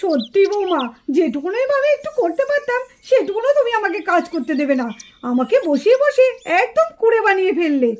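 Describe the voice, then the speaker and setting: A woman's voice: extremely high pitch, sing-song, brisk, darkish tone. A woman voicing a stubborn elderly mother-in-law in a puppet show, scolding and a little plaintive. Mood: chiding.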